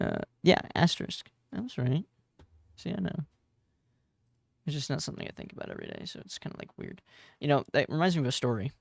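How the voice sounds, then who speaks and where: Rambling young man with gravelly fry. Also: a little high, wildly swooping pitch, fast, long pauses, no echo. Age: 20s. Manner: rambling, filler-heavy, self-correcting. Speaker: game dev tutorial host. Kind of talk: casual coding tutorial with storytelling.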